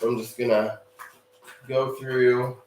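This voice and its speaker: Hobby host with the hiccups, unhurried workbench commentary, recorded a little off-mic. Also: male voice, medium pitch, level tone, darkish tone, reverberant, recorded from a distance, a little hiss or hum, low-quality recording. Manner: slow, offhand narration while working with his hands. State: has the hiccups.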